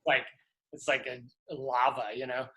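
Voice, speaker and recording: A middle-aged Louisiana man who works as a prop master tells stories during a relaxed video-call interview, rambling with lots of fillers and restarts. His voice is medium-pitched and a little slow, and the recording is rough.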